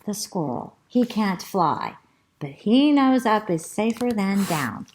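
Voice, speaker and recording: A woman's voice: mid-range voice, very animated, a little mellow, a little hiss or hum. Woman reading as a chatty classroom parrot. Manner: slow, sing-song rhyming delivery. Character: chatty, fussy pet parrot narrating as a female classroom pet. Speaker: storybook reader. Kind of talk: reading a children's storybook aloud.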